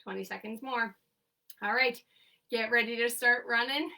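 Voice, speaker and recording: A woman's voice: fairly high pitch, moderate pace, vocal fry, pushed and bright, distant mic. A young woman leading a seated exercise class, counting repetitions and giving short coaching cues. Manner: counting reps aloud, upbeat coaching cues. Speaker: exercise instructor. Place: home, remote class. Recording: voice from away from the mic.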